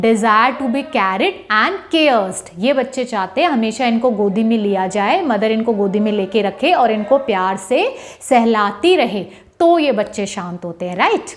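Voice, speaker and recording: A woman with a high voice, teaching a lesson in a lively, animated way. She acts out a child's pleading demands and keeps checking that her listeners follow, slipping English terms in as she explains. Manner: mixes English terms into Hindi, asks "है ना?" often. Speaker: homeopathy teacher. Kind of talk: explanatory lecture.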